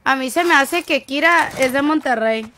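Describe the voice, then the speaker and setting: A woman's voice: sits high, moderate pace, sharp tone, a little hiss or hum. A young woman from Tijuana, chatting casually and full of slang while she plays a game on stream and reads chat aloud. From Tijuana, Mexico.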